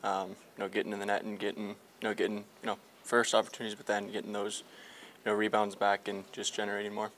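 This young hockey player talks fast with few pauses, his fairly low, fairly bright voice utterly flat as he answers a post-game media scrum in the locker room. Reporters hold several handheld mics close, and there's a slight hiss or hum beneath his many fillers and restarts.

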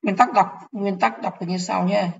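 A woman's voice: medium pitch, steady tone, moderate pace, gravelly, highs cut off, a little hiss or hum. A woman teaching programming in an online lecture, explaining step by step, repeating key phrases and asking if the class follows.

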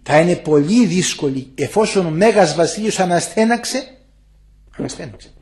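An elderly monk speaks passionately to visitors in a monastery guest room, shifting between loud warnings and quiet asides. His voice is high-pitched and animated.

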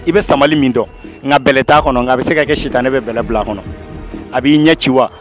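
A young adult man hosts a casual street game outdoors in urban courtyards and streets as a street interview host, with music in the background. He talks quickly at medium pitch into a small handheld lapel mic, repeating phrases for emphasis.

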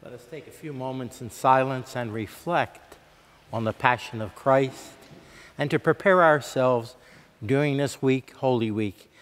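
Male celebrant, mid-pitched, calm and reflective, lingering church reverb. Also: a little slow. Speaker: celebrant leading prayer. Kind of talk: liturgical prayer leading. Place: large church. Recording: church sound with long reverb.

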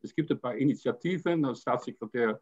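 The older guest's mid-range voice is a little mellow with a breathy edge, and his speech halts, packed with fillers and repeated words. He's on a panel discussion by video call in a home room with a painting, his webcam giving dull lo-fi sound.

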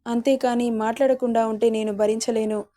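A tearful young woman pleads and apologizes to the people she loves in a spoken romance, as a woman narrator gives her voice. The tone is warm and somewhat high, with little melody. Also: level tone, fairly quick, close to an everyday voice. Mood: pleading.

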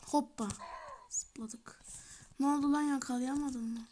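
High-voiced chatty woman gaming. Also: fairly even intonation, measured pace, mellow, slight background noise. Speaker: gaming channel host. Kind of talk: let's-play commentary. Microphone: tablet or phone mic.

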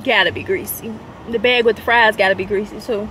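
A woman's voice: medium pitch, fairly even intonation, fairly quick, fairly bright tone, slight background noise. A young woman vlogging in casual chat, joking with a playful slangy manner and laughing often. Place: car, then home.

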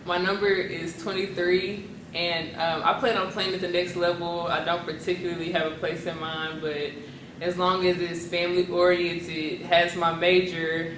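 Young female player, brisk self-intro, distant echoey hall. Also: fairly low pitch, flat delivery. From Little Rock, Arkansas. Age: young adult. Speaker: college basketball player. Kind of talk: short self-introduction to camera. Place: gym hallway, indoors. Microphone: far camera mic. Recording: echoey hallway from far off, noisy.

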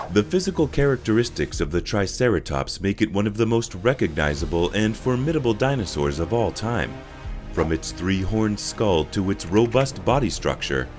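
A man reading scripted documentary narration with a dramatic, measured delivery. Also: on the low side, a little mellow.

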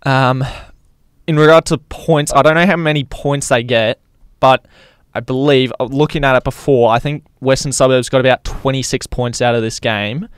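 A man's voice: mid-range voice, steady tone, normal speed, smooth, dry recording, studio quality. An Australian man co-hosting a sports podcast, giving casual chat and match recaps.

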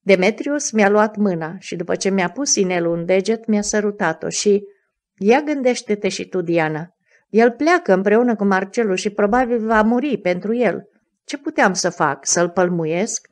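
A woman's voice: medium pitch, animated, a little mellow, natural voice. A woman reading the part of a candid, spirited young noblewoman in an audiobook, earnest and a little defensive.

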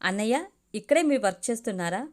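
A woman voicing a lively, teasing young sister in a storybook reading, in a chatty manner. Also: a little high, fast, lightly acted. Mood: curious.

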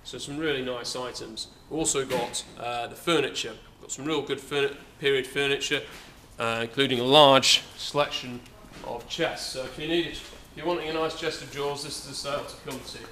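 With a medium-pitched, bright and forceful voice, this young man talks a little fast with few pauses and fairly even intonation, over a little hiss or hum. He's an English auctioneer on a camera mic, giving a casual, hesitant, filler-filled walkaround preview in a large indoor saleroom.

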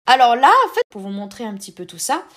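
Woman host, casual tutorial talk, slightly high voice, steady step-by-step explaining. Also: fast talker. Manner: step-by-step explaining with filler words.

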